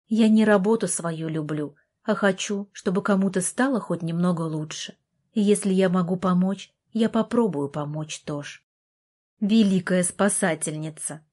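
A woman reading an audiobook aloud in an even storytelling manner. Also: on the low side, slightly rough. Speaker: audiobook narrator. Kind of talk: scripted audiobook narration.

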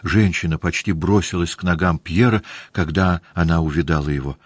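Male audiobook narrator, steady and measured, deep voice, dry recording. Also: slightly rough, dry recording. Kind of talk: scripted narration of a classic novel.

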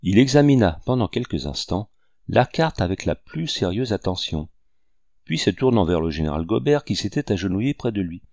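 A man narrating a historical novel in a measured, descriptive audiobook reading. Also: fairly low pitch, sing-song, darkish tone, no room sound, clean studio sound.

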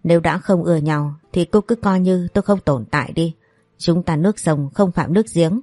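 A woman voicing a calm, dignified young woman who answers firmly. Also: lowish voice, moderate pace, no room sound, soft background music, lightly acted. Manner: composed, firm.

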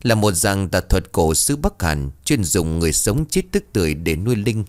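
A man playing an exorcist near sixty, solemn and knowing, explaining dark rites. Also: low-pitched, very animated, moderate pace. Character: old male exorcist, grave and knowing.

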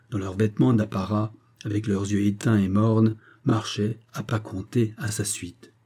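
A man narrates an audiobook in a measured, dramatic manner. His voice sits low, with a dark, mellow tone and a husky grain. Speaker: audiobook reader.

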